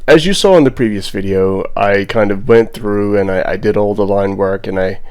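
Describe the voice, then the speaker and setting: A man's voice: lowish voice, moderate pace, a little mellow, smooth. A man with a Bermudian accent giving casual, rambling vlog commentary as an artist, in a laid-back, self-deprecating way. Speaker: digital artist and vlogger.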